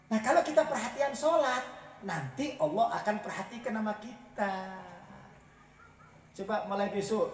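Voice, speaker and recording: High-voiced preacher man, echoey and distant. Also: fairly bright tone. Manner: teasing, keeps asking the audience "right?". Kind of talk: humorous sermon to a congregation. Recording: echoey room, voice from far off the mic.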